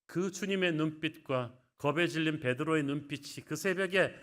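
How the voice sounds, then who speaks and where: A male pastor preaching a sermon in a church, emphatic, with dramatic swings from soft to loud. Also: on the high side, normal speed. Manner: emphatic, dramatic rises and drops in volume. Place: church sanctuary.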